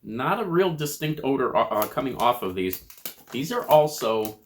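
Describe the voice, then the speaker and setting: An American man reviews chips casually on camera, crunching and chewing between his measured, descriptive remarks. His voice sits in the mid range, and he is very animated.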